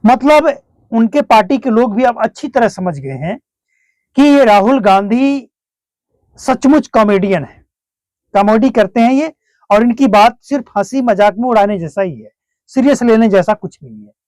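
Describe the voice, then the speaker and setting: A man's voice: high-pitched, lively intonation, moderate pace, darkish tone, dry recording. A man commenting on a political clip, lecturing with rhetorical questions. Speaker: news commentator.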